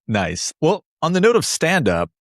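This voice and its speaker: A man hosting a podcast interview, asking relaxed questions and giving short, encouraging replies. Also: a little high, normal speed, dry recording, clean studio sound. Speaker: podcast host. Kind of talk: casual interview.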